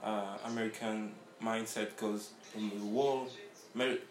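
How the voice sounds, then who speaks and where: Man from France, interview guest, slow halting speech, low voice, roomy echoey recording. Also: steady tone. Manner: halting, searching for words. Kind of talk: casual interview chat. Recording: roomy echo.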